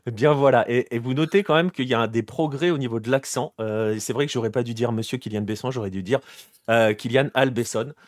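Relaxed French man hosting football chat. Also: mid-range voice, quick pace, hardly any pauses, no room sound, clean studio sound. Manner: relaxed, many fillers, greets chat viewers by name. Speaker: podcast host. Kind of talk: casual live-streamed football chat.

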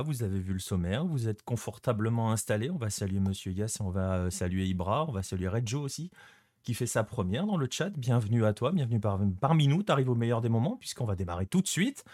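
A man's voice: on the low side, very animated, brisk, no echo, studio quality. A man hosting a live-streamed show in a casual, chatty way, with frequent hesitations as he greets viewers in the chat. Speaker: host.

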